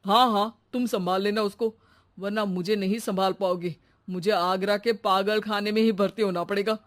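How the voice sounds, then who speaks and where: A woman's voice: mid-range voice, fairly even intonation, moderate pace, close to an everyday voice. A woman voicing an exasperated middle-aged husband in a cartoon, who grumbles that the maid has tangled his mind. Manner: grumbling, fed-up complaints. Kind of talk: Hindi cartoon voice acting.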